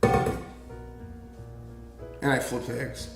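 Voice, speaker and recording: A young man bantering on a cooking livestream in a home kitchen, dry, skeptical and teasing. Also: drawn-out words. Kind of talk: casual banter on a cooking stream. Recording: echoey kitchen with music behind.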